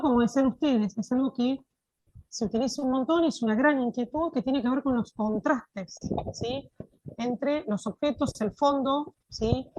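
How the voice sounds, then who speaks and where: Woman instructor, explanatory and patient, higher voice; dry, muffled lo-fi call recording. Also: a little mellow, no room sound. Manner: explanatory, frequent checking "¿sí?". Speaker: course instructor. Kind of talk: online teacher-training lecture.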